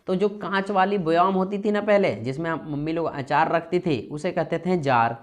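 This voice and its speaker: A man teaching an exam-prep lesson, asking questions and answering them himself in a lively, coaxing way. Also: on the high side, normal speed. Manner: lively, coaxing, often calls the listener "brother".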